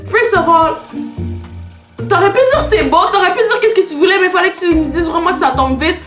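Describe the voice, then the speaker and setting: A woman's voice: very high-pitched, brisk, fairly bright tone, echoey room, soft background music. A nineteen-year-old woman with a Québécois French accent, chatting to camera as a YouTuber and switching between French and English. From Canada. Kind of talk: casual chat to camera.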